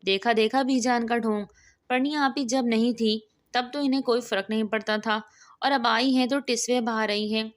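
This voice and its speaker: A woman's voice: fairly high pitch, fairly even intonation, close to an everyday voice. A woman reading as a cheeky young village man. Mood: teasing. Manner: teasing, cheeky.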